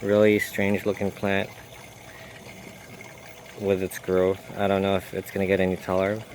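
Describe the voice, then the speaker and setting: A man's voice: low voice, monotone, moderate pace, a little mellow, slight background noise. A man giving a casual, rambling walk-through of his home garden outdoors, with frequent fillers and self-corrections.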